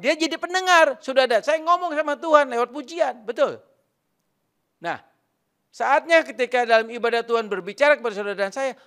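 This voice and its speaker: A man's voice: very high-pitched, fairly bright tone. A male pastor preaching a sermon, emphatic and repetitive, often turning to address the congregation directly.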